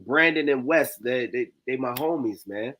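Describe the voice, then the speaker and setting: A man in his forties telling stories in a slangy, animated, conversational way on a video call. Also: mid-range voice, moderate pace. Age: 40s. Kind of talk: casual chat.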